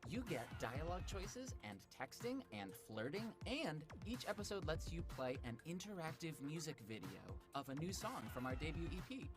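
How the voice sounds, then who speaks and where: A voice actor playing an excitable young indie pop singer in a game trailer, pitching with bubbly energy. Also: moderate pace, few pauses, lightly acted. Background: music.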